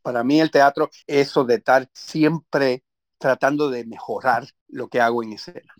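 A man's voice: medium pitch, fairly even intonation, moderate pace, no echo. A middle-aged man from Puerto Rico with a Puerto Rican Spanish accent, a stage actor answering interview questions, telling his story reflectively with many restarts.

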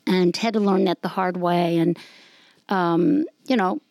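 Candid woman with a low, gravelly voice. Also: fairly even intonation, a little slow, a little mellow, no echo, studio quality. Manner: candid, storytelling, with ums. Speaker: discussion group member. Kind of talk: personal testimony in group discussion.

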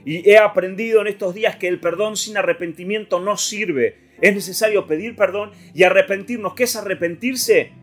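A man with a Rioplatense Spanish accent preaching an Easter sermon, swinging from loud declarations to hushed lines. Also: high-pitched, normal speed, few pauses. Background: soft guitar music.

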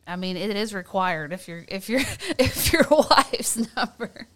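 A woman in her thirties trades playful jabs as a podcast co-host, chatty and combative in good fun. Her voice sits at an ordinary middle pitch, speaking close to a podcast microphone at home. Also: lively intonation, measured pace, fairly bright tone. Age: 30s. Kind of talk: casual banter. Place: home, on a couch.

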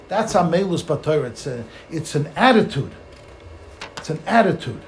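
A man's voice: a little high, sing-song, normal speed. A man with gives a Torah sermon as a rabbi, telling stories emphatically, repeating phrases and asking rhetorical questions. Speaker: rabbi giving a Torah lecture. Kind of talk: sermon, Torah lecture with storytelling. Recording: echoey room, faint background noise.

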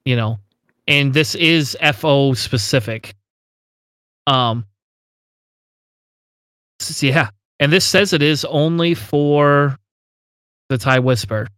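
A man's voice: on the high side, slow pace, long pauses, a bit bright, smooth, no room sound, studio quality. A man co-hosting a casual tabletop game podcast, talking emphatically with frequent incredulous laughs. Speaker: podcast co-host.

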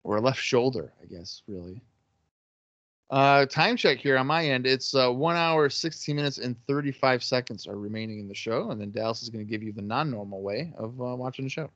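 Animated and brisk, this medium-pitched man cracks jokes and curses freely as he co-hosts a podcast, calling a wrestling match in relaxed conversation. His tone is a bit bright, with no echo, though the lo-fi recording sounds dull and dry.

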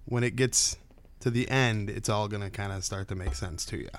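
A man's voice: fairly low pitch, moderate pace, clear, resonant tone. A man hosting a podcast, telling stories in a casual, folksy way and drawing out the suspense. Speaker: podcast host. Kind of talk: casual conversational storytelling.

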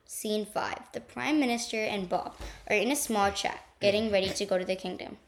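A woman's voice: mid-range voice, normal speed. A woman narrating an amateur radio play, announcing scenes in a plain, matter-of-fact way.

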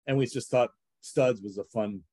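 A man's voice: mid-range voice, normal speed, mellow, no room sound, studio quality. A man with an American accent answering conversationally as a baseball team representative in an interview.

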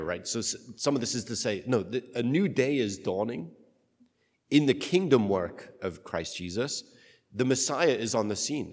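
A man speaking as a priest in church, reading scripture and preaching reflectively, his voice carried in a cathedral echo. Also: medium pitch. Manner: reflective, halting, thinking aloud. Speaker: priest giving a homily. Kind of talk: liturgical Gospel reading and unscripted homily. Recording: long cathedral-like echo of a large space.

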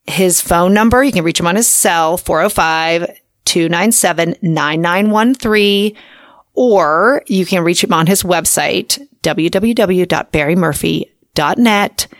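A woman's voice: on the low side, measured pace, no echo, studio quality. A woman podcast host giving an earnest, conversational sponsor message. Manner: earnest, recommending.

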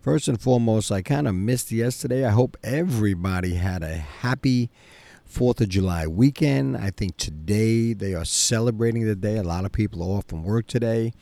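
A man's voice: on the low side, moderate pace, dark tone, dry recording. A middle-aged man hosting a casual solo podcast outdoors in his backyard, rambling conversationally with frequent asides to listeners. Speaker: podcast host. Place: outdoors in a quiet home backyard.

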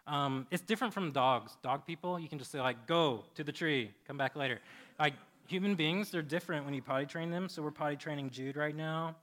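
A man in his thirties preaching a sermon, animated while telling a story and soft and hushed when he prays. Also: a little high, fairly quick, few pauses. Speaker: pastor.

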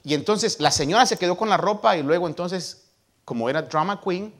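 A man's voice: sits high, brisk. A man preaching a humorous, folksy sermon, retelling a scripture story with frequent tag questions and a few English words mixed into his Spanish.

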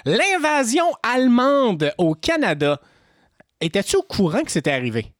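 A man with a Québécois French accent telling a history story on a podcast in an animated, joking way. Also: normal speed, no room sound, clean studio sound. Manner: animated, jokey, lively pitch swings. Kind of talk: casual storytelling chat.

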